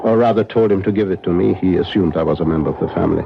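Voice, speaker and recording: An actor playing a grave, commanding older professor who hunts vampires, speaking deliberately and formally in a 1970s radio drama. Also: male voice, sits low, creaky. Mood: grave, measured. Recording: muffled, noisy 1970s radio broadcast.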